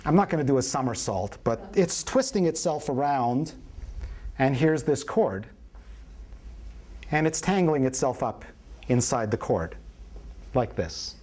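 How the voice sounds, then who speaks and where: A man's voice: fairly high pitch, a little mellow. A man teaching a prenatal class as an obstetrician, in a playful, folksy storytelling manner with questions to the room. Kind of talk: live classroom lecture.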